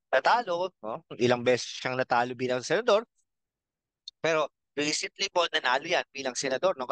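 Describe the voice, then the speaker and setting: A middle-aged man with a Filipino accent hosting a casual political commentary vlog, talking slowly and haltingly with many fillers and a constant tag "no?". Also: medium pitch, fairly bright tone, no room sound, low-quality recording. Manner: rambling, frequent tag question "no?"; slow, halting with fillers and throat clearing. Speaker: channel host.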